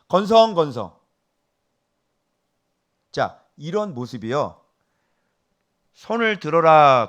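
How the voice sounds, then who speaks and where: A middle-aged male pastor delivering a sermon, scolding and quizzing his listeners, jumping from loud emphasis down to hushed whispers. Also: a little high. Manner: scolding, asks the congregation questions.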